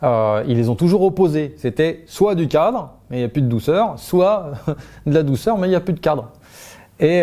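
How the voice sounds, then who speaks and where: A man's voice: medium pitch, warm tone. A man teaching a communication method in an informal, spontaneous way, with frequent fillers and restarts, lifting his voice as he announces each step. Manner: informal, uses tu, many fillers and restarts, laughs lightly. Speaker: communication trainer. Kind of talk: spontaneous explanatory talk.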